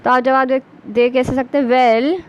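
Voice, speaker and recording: A woman with an Urdu accent teaching a basic English lesson to beginners. She speaks slowly and patiently, spelling words out letter by letter. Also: sits high, little pitch movement, slight background noise, poor audio.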